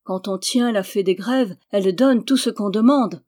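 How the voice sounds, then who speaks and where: A woman's voice: medium pitch, normal speed, warm tone, close to an everyday voice. A woman voicing a timid young male peasant suitor in an audiobook, speaking humbly and stammering. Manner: humble, stammering country speech. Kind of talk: audiobook character reading.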